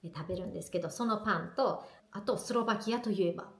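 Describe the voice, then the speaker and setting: A woman vlogging in casual chat to the camera, telling stories in a lively, chatty way. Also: medium pitch, fast, roomy sound.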